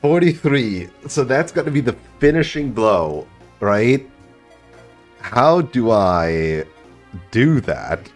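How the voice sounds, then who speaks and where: A man's voice: medium pitch, very animated, takes it slowly. A man doing live video game commentary, casually thinking aloud as he plays. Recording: game music behind the voice. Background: video game music.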